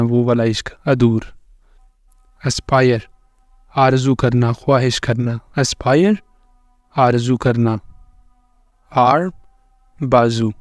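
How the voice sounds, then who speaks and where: A man's voice: mid-range voice, darkish tone, no room sound, studio quality. A man teaching English vocabulary, saying each word and its meaning twice. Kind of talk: slow instructional narration over slides.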